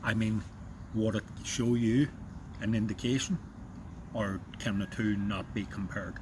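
A man putting measured political questions as a podcast interviewer. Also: fairly low pitch, fairly even intonation. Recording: clear background noise.

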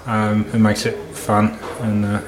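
A man's voice: on the low side, monotone, a little slow, background noise. A man from the UK giving casual, matter-of-fact interview answers in an understated way. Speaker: endurance athlete being interviewed.

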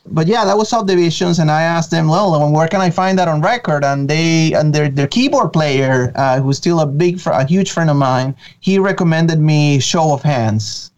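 A man's voice: fairly high pitch, moderate pace, few pauses, a little mellow, dull audio. A man, talking eagerly as an interview guest, with many fillers and restarts. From Venezuela. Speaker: guest, creative director of an animation studio. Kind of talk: casual interview.

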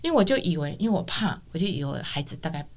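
A middle-aged woman speaks, her voice sitting a little low for a woman. She shares a personal testimony as a guest, vividly and expressively, switching into the voices of the people she quotes. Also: very fast. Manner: expressive storyteller, acts out quoted dialogue.

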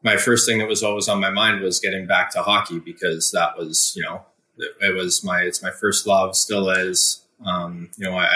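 Low, flat-voiced man, echoey room. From Ontario, Canada. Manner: earnest, measured, many "um" and "you know". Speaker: guest, pro hockey player. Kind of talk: interview storytelling.

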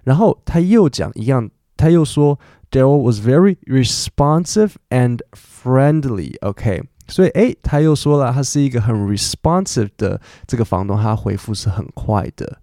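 A man hosts a relaxed podcast lesson and talks his way through English words, with plenty of fillers. His voice is mellow and warm, in a middle register. The recording is dry and close to the mic. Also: mid-range voice, unhurried, no echo. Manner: chatty, explains English words in Mandarin with many fillers. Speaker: podcast host and English teacher.

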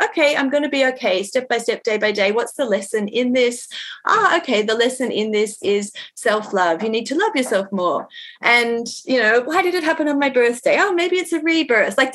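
A woman guest on a podcast telling a personal story in an earnest, animated way, often using "like". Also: on the high side.

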